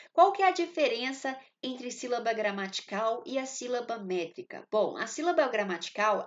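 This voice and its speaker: A woman teacher with a Brazilian Portuguese accent gives a recorded literature lesson, her voice sitting slightly high. She explains patiently, step by step, and keeps adding short checks to see if her students follow. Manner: explanatory, checks in often with short tag questions.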